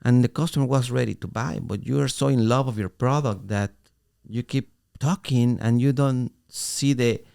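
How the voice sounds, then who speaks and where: A middle-aged man co-hosting a podcast, telling an animated story in casual talk with halting restarts. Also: mid-range voice, creaky, clean tone. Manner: animated, acts out quoted voices, halting restarts. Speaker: podcast co-host.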